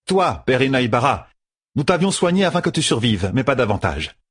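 A man's voice: mid-range voice, very animated, normal speed, fairly bright tone, husky, pitched above the performer's own voice. A man reading an audiobook voices a stern female healer who scolds and gives curt orders. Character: stern female healer matriarch, commanding, blunt. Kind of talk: audiobook character voice.

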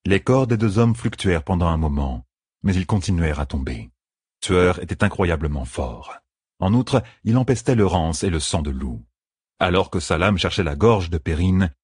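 An audiobook narrator with a very deep, husky voice reads a scripted fantasy novel in a steady, measured way. The recording is dry and close, with no room sound.

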